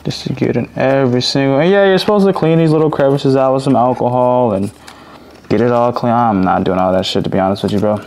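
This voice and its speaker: A man's voice: medium pitch, fast talker, darkish tone. A young man casually talking through a DIY car repair as he works, laid-back and swearing now and then. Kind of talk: casual hands-on narration.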